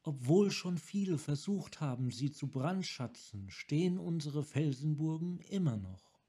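A man voicing a calm, wise female monk who leads her clan, speaking softly and with measure, in a fan audiobook reading. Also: a little high, slightly rough. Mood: serene. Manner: soft, measured.

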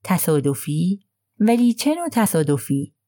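Polite, probing older detective read by a woman, measured questions, dry close voice. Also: fairly low pitch, sing-song, dark tone, dry recording.

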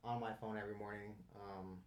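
A man's voice: fairly low pitch, level tone, fairly quick. A young man co-hosting a podcast in easy casual chat, laughing often. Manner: laid-back, laughs often. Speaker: podcast co-host. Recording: echoey room.

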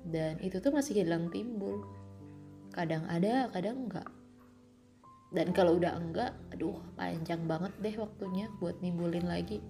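A woman's voice: lowish voice, normal speed, mellow. A young woman speaking a reflective, self-critical personal monologue, slipping in English phrases. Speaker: vlogger. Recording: music playing behind.

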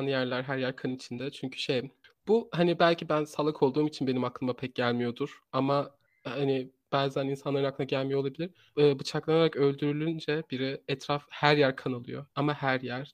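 A man's voice: medium pitch, no echo. A man hosting a true crime podcast in a conversational way, often repeating and rephrasing his sentences as he searches for words.

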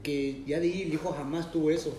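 A man's voice: fairly high pitch, steady tone, fast, warm tone, slight background noise. A man chatting casually on a podcast, telling stories and acting out the quoted voices. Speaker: podcast co-host. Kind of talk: casual chat. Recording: roomy, from a distant mic.

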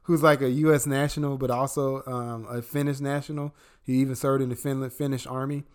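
A young Midwestern man co-hosts a casual political podcast, cursing and emphatic, lurching from loud outbursts to quiet asides. His delivery is flat, brisk, and smooth.

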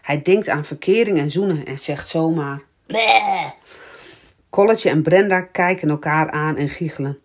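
A woman reading a children's book aloud, in a slow, lively storytelling voice. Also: sits low. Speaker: storybook reader.

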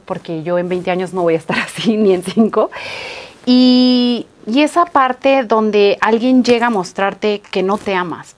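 A young woman, an actress guest chatting casually in an interview, telling stories with lots of laughter and acting out quoted lines. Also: medium pitch. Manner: animated storytelling, acts out quoted lines, laughs often.

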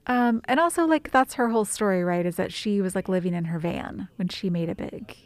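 A woman co-hosts a podcast in a loose, chatty way, full of fillers and restarts. Her voice is mid-pitched and recorded dry, close to the mic. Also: a little fast, no echo. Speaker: podcast co-host. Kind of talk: casual chat.

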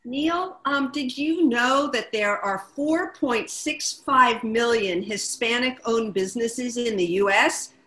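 Woman, talk show co-host, bright tone, echoey room, measured delivery. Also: fairly high pitch.

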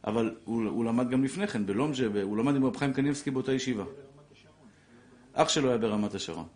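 A middle-aged man teaching a religious lesson, telling stories with feeling and acting out the quotes. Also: medium pitch. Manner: animated storyteller, acts out quotes, grows emotional. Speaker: rabbi teaching a Torah class. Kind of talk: emotional religious lesson with storytelling.

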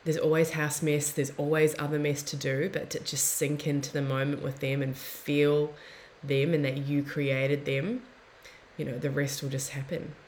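A young woman guest talking in a heartfelt, soft-spoken way, often trailing off and restarting mid-thought. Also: deep voice, flat delivery, moderate pace, a little hiss or hum. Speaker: podcast guest. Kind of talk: reflective casual conversation.

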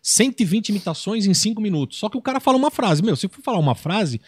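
A man, a comedian and impressionist, chatting casually with quick, animated asides. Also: sits high, slightly rough. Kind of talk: casual chat.

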